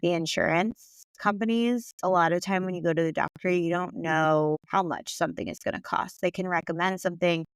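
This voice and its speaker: Woman podcast cohost explaining stuff, lowish voice, dry close mic. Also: steady tone, a little fast, few pauses, clean tone, no echo. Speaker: podcast co-host. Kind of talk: casual podcast conversation.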